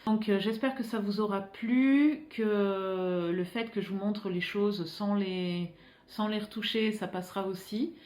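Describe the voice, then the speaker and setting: A woman from France talks casually to her viewers in a home vlog. She rambles, pausing and restarting often, at an ordinary pitch, and her voice rings in an echoey room. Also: a little mellow. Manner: rambling, many filler pauses and restarts. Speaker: illustrator vlogger.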